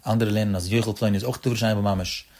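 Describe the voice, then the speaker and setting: A man's voice: lowish voice, fairly even intonation, fast, darkish tone. A man giving a traditional religious text-study lesson, explaining step by step in a sing-song cadence and repeating the key terms.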